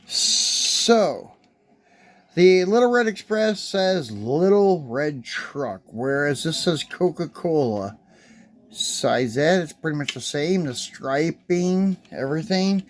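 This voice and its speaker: A man with a somewhat high-pitched voice talks through an unboxing of collectible model trucks. His delivery is loose and chatty, full of fillers and little asides. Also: expressive, slow. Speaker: die-cast collector reviewing toys. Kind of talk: casual unboxing review.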